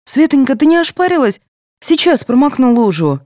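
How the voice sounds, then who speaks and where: A woman voicing a soft, indulgent mother who fusses and apologizes for her children in an audiobook. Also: high-pitched, big pitch swings, normal speed, dry recording, clean studio sound, voice pushed up. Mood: fussing. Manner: fussing, apologetic.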